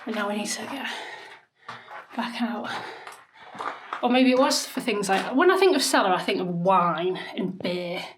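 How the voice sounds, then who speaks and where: A woman's voice: mid-range voice, lively intonation, unhurried. Chatty woman, noisy outdoors. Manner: chatty, thinking aloud. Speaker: vlogger. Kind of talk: casual vlog narration. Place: outdoors and in a small underground cellar.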